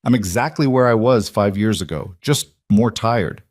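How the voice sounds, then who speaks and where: A man's voice: fairly low pitch, normal speed, darkish tone, dry recording, clean studio sound, close to an everyday voice. A man reading as a worn-out young woman. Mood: weary. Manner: weary, strained, pleading for realism. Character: exhausted struggling young woman, twenty-nine.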